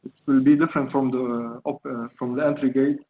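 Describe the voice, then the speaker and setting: Presenting his project on a video call, a student from Lebanon halts frequently, searching for words and filling gaps. His delivery is flat in a mid-range voice, and the tinny, phone-like audio carries faint noise.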